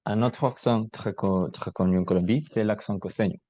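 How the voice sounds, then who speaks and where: A man's voice: lowish voice, moderate pace, mellow, no echo. A young man giving an oral class presentation, reading aloud and correcting himself with fillers. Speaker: student presenter. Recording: dull, dry lo-fi recording.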